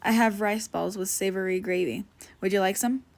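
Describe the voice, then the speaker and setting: A woman reading the lines of a calm, friendly teenage boy, easygoing and polite. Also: medium pitch, normal speed, lightly acted.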